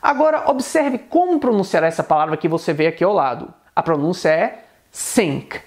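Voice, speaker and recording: A man teaching an online English pronunciation lesson, explaining patiently and repeating example words slowly. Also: sits high, expressive.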